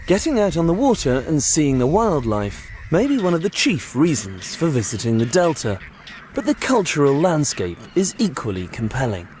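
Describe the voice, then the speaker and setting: A man presenting a nature and travel documentary, delivering scripted narration in a measured, expressive way. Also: a little high, a little hiss or hum. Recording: music bed under narration.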